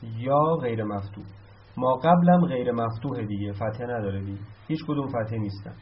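A man teaching a grammar lesson, explaining step by step and chanting verb forms in a row. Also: mid-range voice. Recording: dull lo-fi sound.

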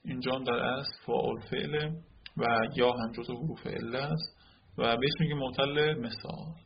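A man's voice: mid-range voice, steady tone, creaky. A man teaching a classroom lecture, explaining step by step and often checking whether his listeners follow. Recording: lo-fi recording with faint noise.

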